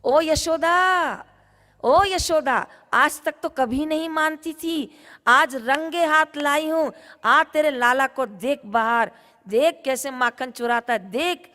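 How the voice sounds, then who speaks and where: A woman voicing an angry village woman who loudly accuses and scolds, in an echoey hall. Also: sits high, slow pace, voice pushed up, heavily acted. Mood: triumphant shouting. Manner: loud, accusing, shouting.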